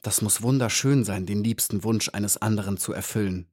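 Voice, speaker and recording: A man reading an audiobook and voicing a small, eager young female bee who talks with breathless excitement. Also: on the low side, moderate pace, breathy edge, no room sound, studio quality.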